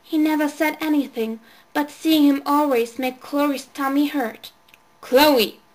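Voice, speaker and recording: A woman reading a novel aloud in a measured, clear storytelling manner. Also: sits high, fairly even intonation. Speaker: audiobook reader. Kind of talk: scripted narration of a novel.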